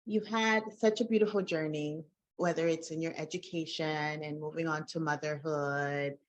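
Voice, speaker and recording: A woman's voice: deep voice, fairly even intonation, moderate pace. A woman hosting a podcast interview, speaking in an effusive, conversational way and laughing often. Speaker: podcast host.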